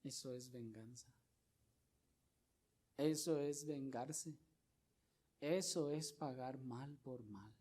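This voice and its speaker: A man preaching a sermon, putting rhetorical question after question to the congregation and swinging from loud stressed lines to quiet, low ones. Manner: slow, deliberate delivery. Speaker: pastor.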